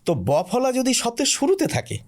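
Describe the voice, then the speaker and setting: Lively, patient man explaining slowly. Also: very high-pitched. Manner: patient, explains step by step with examples. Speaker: guest expert on language. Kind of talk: explanatory conversational interview.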